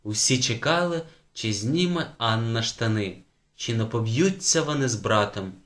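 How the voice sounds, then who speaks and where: A man narrating a children's audiobook with lively, varied emphasis. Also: medium pitch, normal speed. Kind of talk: scripted narration.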